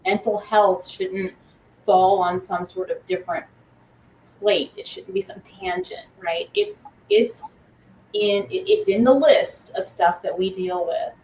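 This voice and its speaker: A woman's voice: medium pitch, lively intonation, a little slow, vocal fry, darkish tone. A woman school nurse on a podcast, speaking thoughtfully with hesitations and repeated words. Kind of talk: casual interview chat. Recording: echoey, distant mic with faint room noise.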